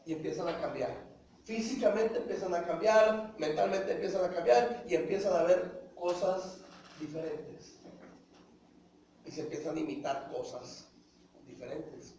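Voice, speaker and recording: A man's voice: fairly high pitch, unhurried, pauses often, a little mellow, a little hiss or hum. A man preaching a sermon, calling his listeners brothers, asking rhetorical questions and acting out little dialogues. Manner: acts out short dialogues in voices. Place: church hall. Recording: echoey hall, voice from far off.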